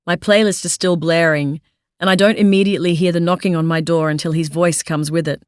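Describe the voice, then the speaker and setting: Woman reading a first person audiobook, lowish voice, confiding tone, super dry close mic. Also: fairly even intonation, a little fast, dry recording. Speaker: audiobook narrator. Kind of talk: first-person scripted narration.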